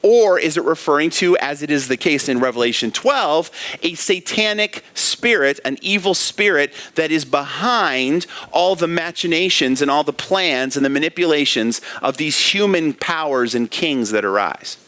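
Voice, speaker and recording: A man preaches in a church with a bright, forceful voice. His pitch swings widely as he asks rhetorical questions and stresses the scripture he reads. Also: lively intonation, normal speed. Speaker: pastor. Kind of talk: expository sermon.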